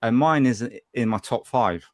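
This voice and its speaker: A man's voice: medium pitch, a little slow, no echo, studio quality. A man on a podcast, chatting eagerly about films and telling stories. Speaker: podcast guest co-host. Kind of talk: casual film chat.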